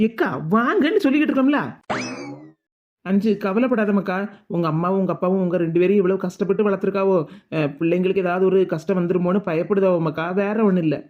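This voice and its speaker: A woman voicing a calm, younger neighbor woman in an animated cartoon, advising and soothing in a southern Tamil accent from the Tirunelveli-Kanyakumari area. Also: mid-range voice, quick pace, phone-quality sound, natural voice. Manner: soothing, persuasive.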